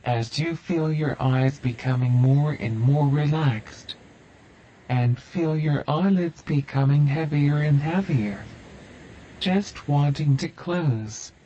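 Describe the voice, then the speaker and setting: A man guiding a hypnosis induction in a slow, soothing, repetitive cadence. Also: on the high side, warm tone, highs cut off, a little hiss or hum.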